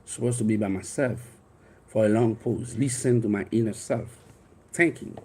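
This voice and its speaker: His voice fairly low, a little mellow and slightly rough, a Haitian life coach in his fifties speaks at a moderate pace. He recounts a personal story earnestly but rambles and restarts often, with a Haitian accent; his first language is Haitian Creole.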